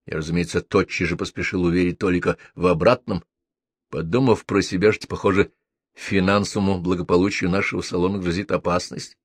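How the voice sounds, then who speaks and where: A man with a lowish voice narrates a first-person novel in a measured, wry tone. The recording is dry and close, with no room around it. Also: fairly even intonation, husky, no echo. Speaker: audiobook reader.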